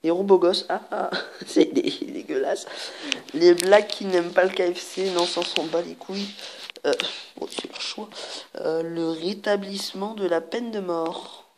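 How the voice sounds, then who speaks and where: In her let's play, a woman reads cards aloud from an online party card game, laughing often and joking crudely for her channel. Her voice is low and darkish, fairly even in intonation and unhurried, with a little hiss or hum present.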